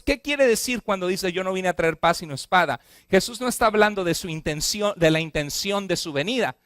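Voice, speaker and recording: High-voiced pastor preaching, dry close sound. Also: male voice, a bit bright, no room sound. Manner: asks the congregation frequent questions; speeds up on repeated lists, slows for emphasis. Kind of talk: sermon. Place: church.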